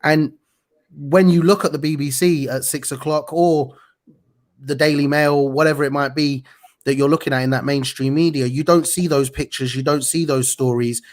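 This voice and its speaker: A man hosting a news show, speaking earnestly and haltingly with many fillers. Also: fairly high pitch, fairly even intonation. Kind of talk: interview talk.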